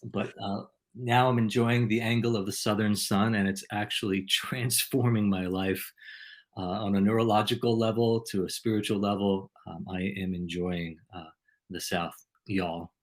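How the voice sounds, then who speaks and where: A man's voice: lowish voice, fairly even intonation, moderate pace. A man hosting a podcast and being interviewed, talking in an ornate, playful way. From New York.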